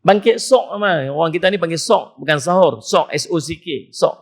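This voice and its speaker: A man with a Penang Malay accent giving a humorous, animated mosque lecture, mimicking people as he preaches. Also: a little high, moderate pace. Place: mosque hall.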